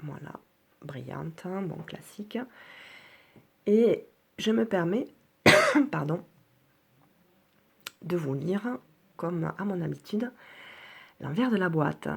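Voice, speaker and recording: French woman, low-pitched, hesitant and earnest, casual presenter, lots of fillers. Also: lively intonation, takes it slowly, creaky, long pauses, breathy edge. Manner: hesitant, many fillers and restarts; soft, earnest, enthusiastic. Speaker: oracle card reviewer. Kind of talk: casual spoken product presentation.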